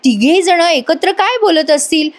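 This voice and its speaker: A woman's voice: very high-pitched, expressive, normal speed, voice pushed up. A woman voicing a polite, hesitant young wife who is wary of a plot.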